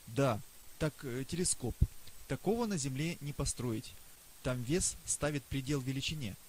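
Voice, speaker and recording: A man voicing a boastful, excitable old male astronomer professor in an audiobook reading. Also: mid-range voice, close to an everyday voice, low-quality recording. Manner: lively, boastful, rapid questioning. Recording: faint hiss.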